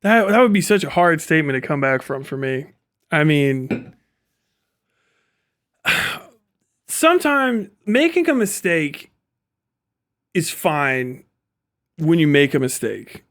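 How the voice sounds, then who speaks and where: He talks slowly with long pauses, his fairly high, slightly bright voice swinging widely in pitch. As a livestream host reacting to videos, he gives casual, unscripted commentary that rambles and is heavy on swearing.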